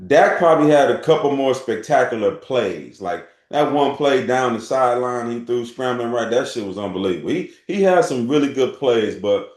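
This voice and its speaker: A man's voice: mid-range voice, expressive, moderate pace, hardly any pauses, a little mellow, roomy sound. A man talking as a panelist in a casual sports debate, making his points emphatically and repeating them.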